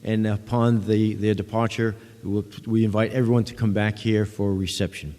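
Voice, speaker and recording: A man's voice: on the low side, level tone, normal speed, dark tone. Man closing a ceremony in a hall. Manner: gracious, thanking the audience. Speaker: master of ceremonies. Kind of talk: formal closing remarks. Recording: long hall reverb.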